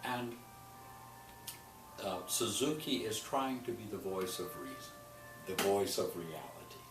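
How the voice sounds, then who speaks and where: A man who directs an opera company, retelling an opera's plot in an interview with expressive storytelling that slows on key images. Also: fairly low pitch, over music. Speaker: opera general and artistic director. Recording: echoey room, distant mic, noisy.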